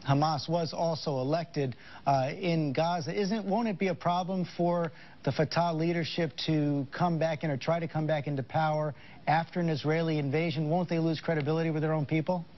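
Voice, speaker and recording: A man's voice: on the high side, fairly even intonation, brisk. A man working as a news interviewer, putting formal, probing questions. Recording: dull lo-fi audio.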